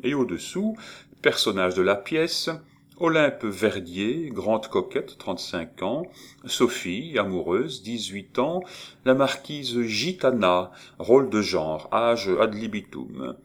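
A man narrating a classic novel in a measured, expressive reading. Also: on the low side.

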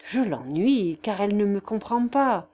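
A woman reading a novel aloud voices a gentle, remorseful young nobleman who speaks in a measured, formal way. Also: mid-range voice, expressive. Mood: tender. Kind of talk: audiobook character voice.

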